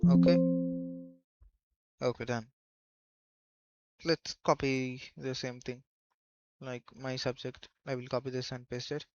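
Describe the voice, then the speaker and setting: A man giving a coding tutorial in a halting way, thinking aloud as he goes. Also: medium pitch, fairly even intonation, darkish tone, dry recording, faint music behind. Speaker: programming tutor. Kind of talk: screen-recorded coding tutorial. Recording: dull lo-fi microphone.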